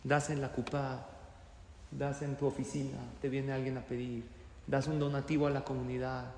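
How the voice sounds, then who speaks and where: In a roomy hall with long reverb, a man gives a religious lecture, teaching a Torah class to a live audience and often posing rhetorical questions to them. His mid-range voice is flat and a little mellow, at a normal speed. There's a little hiss or hum.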